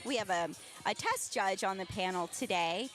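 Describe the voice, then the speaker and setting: A woman's voice: mid-range voice, normal speed, a bit bright. A woman hosting an event stream, explaining things in a conversational, casual way. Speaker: event livestream host. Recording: music playing behind the voice. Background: music.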